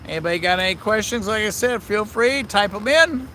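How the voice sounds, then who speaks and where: A man's voice: sits high, animated, fairly quick, bright, forceful tone, a little hiss or hum. A man hosting a live stream from trackside outdoors at night, chatting upbeat and straight to his viewers. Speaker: railfan livestream host. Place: outdoors trackside in a small town downtown at night.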